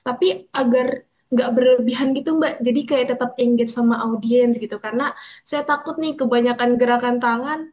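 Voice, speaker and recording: A woman's voice: a little high, a little mellow, lo-fi sound. A woman attending an online workshop who asks a long, hesitant, chatty question full of fillers. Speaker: workshop participant. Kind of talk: casual question in online class.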